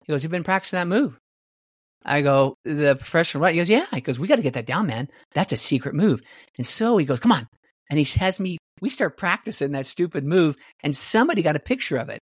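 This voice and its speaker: A man's voice: mid-range voice, a bit bright, dry recording, clean studio sound. A middle-aged man casually telling stories, rambling with many restarts and fillers. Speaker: guest martial artist. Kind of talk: casual storytelling.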